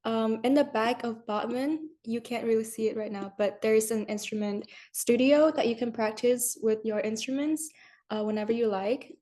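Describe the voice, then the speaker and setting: Young female student guide from Vietnam, slightly high, mellow, hesitant. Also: moderate pace. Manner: hesitant, many "um" and "like". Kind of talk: informal campus tour narration.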